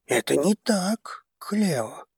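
Guy reading a stern old clan grandpa in an audiobook, husky voice, curt. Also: on the high side, slow, no room sound, clean studio sound, voice pushed up. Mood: gentle. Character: stern old head of a noble house.

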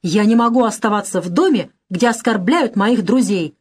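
A shrill, tearful young woman, put on by a woman reading aloud flares up in defense of a friend. Her voice rides high and lively, with loud, indignant outbursts. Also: normal speed.

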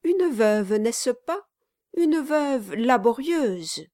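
Woman doing a storybook male lawyer, oily, overly cheerful, high-pitched and wheedling, dry close sound. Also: lively intonation, extremely slow, warm tone, no echo. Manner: honeyed, scheming, overly cheerful. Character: oily, fawning middle-aged male lawyer.

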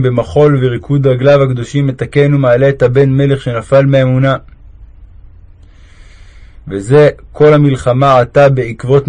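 A man at an ordinary mid-range pitch reads a devotional text aloud. He keeps an even, measured pace of recitation and sometimes restarts a phrase. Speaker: reader of religious texts.

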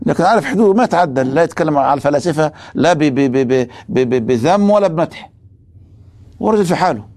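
A man's voice: medium pitch, mellow. A man giving a religious philosophy lecture, emphatic and stopping often to ask his students rhetorical questions.

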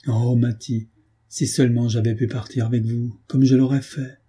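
A man reading an audiobook, voicing a brooding young man who pleads in a low, desperate voice. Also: level tone, normal speed, dark tone, husky. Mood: pleading. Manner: low, pleading, then angry.

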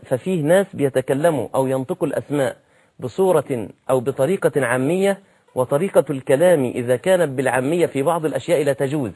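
A man's voice: mid-range voice, darkish tone. An Egyptian man giving a religious lesson in an earnest way, repeating his key phrases for emphasis. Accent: Egyptian Arabic. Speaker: preacher.

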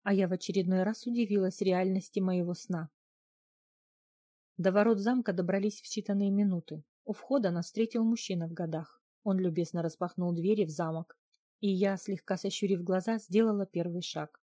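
A woman narrating a novel in the first person in an even, reflective reading. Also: medium pitch, normal speed, no room sound, studio quality. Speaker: audiobook narrator.

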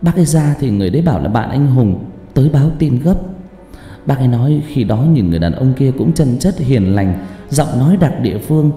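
A tearful young woman spills out a horrifying account in a high, rushed, pleading voice, as a man puts her on. The sound rings in a long, echoey hall with faint music underneath. Her telling swings widely in pitch as she panics. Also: animated, warm tone, natural voice. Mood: distressed. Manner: breathless, pleading rush. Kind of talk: horror story narration.

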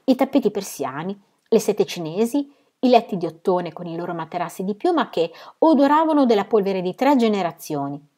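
A woman with a mid-range voice reads a novel aloud, telling the story in a steady, measured way.

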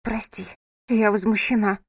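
A woman doing a calm, wry young wife. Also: mid-range voice, normal speed, slightly rough, dry recording, natural voice.

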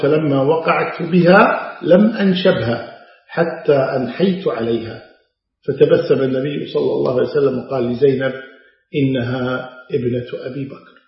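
A man's voice: a little high, vocal fry. A middle-aged man giving a religious lecture, retelling old narrations and explaining them in everyday asides. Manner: narrates hadith then explains in colloquial Gulf Arabic asides. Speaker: Islamic scholar lecturing. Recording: very echoey dull lecture recording.

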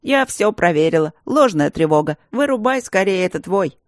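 A narrator voicing a brisk, scolding middle-aged married nurse in an audiobook. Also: mid-range voice, expressive, no room sound, studio quality, lightly acted. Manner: loud, scolding, matter-of-fact. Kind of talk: audiobook character reading.

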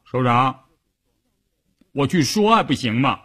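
A man's voice: sing-song, unhurried, a bit bright, slightly rough, heavily acted. A man voicing an aggrieved young male soldier who pleads and sulks in a raised, whiny voice. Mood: sulky pleading. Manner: pleading, whiny, high-pitched.

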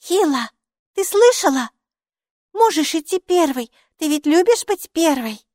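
A woman reading an audiobook and voicing an eager six-year-old girl with high, loud exclamations. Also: moderate pace, no room sound, studio quality. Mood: excited.

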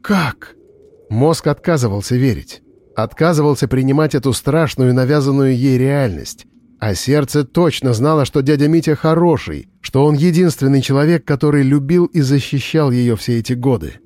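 A man reading an audiobook narration in a steady, even storytelling voice. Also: mid-range voice, normal speed, dry recording, studio quality. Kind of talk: scripted narration.

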